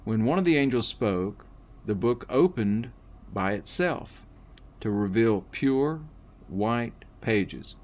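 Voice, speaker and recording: A man narrates a first-person book in a slightly low voice. He reads very slowly and deliberately, with the occasional slip and restart. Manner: slow, measured reading with small slips and restarts. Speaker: audiobook reader.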